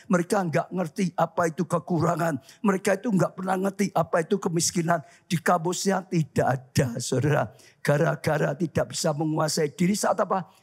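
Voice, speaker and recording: Husky-voiced male pastor preaching. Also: fairly high pitch. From Indonesia. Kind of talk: sermon. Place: church hall.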